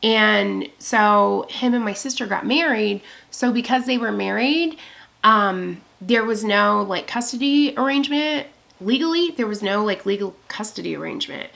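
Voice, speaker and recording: A beauty vlogger in her thirties rambles casually to her camera in a get-ready-with-me chat, her mid-range voice creaky and fairly bright. She tells a long personal story packed with swearing and quoted asides.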